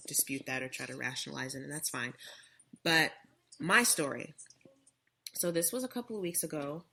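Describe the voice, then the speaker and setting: Low-voiced woman telling a personal story. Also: sharp tone. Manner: earnest storytelling. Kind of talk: casual talk show discussion.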